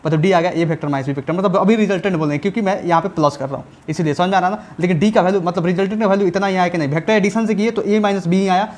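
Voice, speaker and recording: A man teaching a physics lesson in a chatty, colloquial way, often pausing to ask whether the students follow. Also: high-pitched, darkish tone. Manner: repeats checks for understanding, chatty and colloquial. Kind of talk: classroom lecture at a whiteboard.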